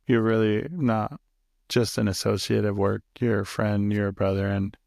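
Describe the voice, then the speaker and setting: A man's voice: fairly low pitch, flat delivery, normal speed, gravelly, darkish tone, dry recording, studio quality. A man in his early forties, a podcast guest, telling stories in an easygoing way with many fillers and restarts. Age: 40s. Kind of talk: casual conversation.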